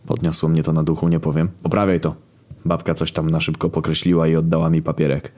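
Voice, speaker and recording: Deep-voiced man telling a comic story. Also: fast talker. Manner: deadpan narration with sudden loud outbursts. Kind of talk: comic first-person storytelling.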